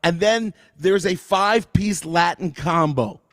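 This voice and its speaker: 60s guy hosting a chat, highish voice, dry close sound, keeps bringing up old stories. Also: measured pace, fairly bright tone, no echo. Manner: reminiscing, prompting the guest with stories. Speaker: host. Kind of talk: casual interview chat.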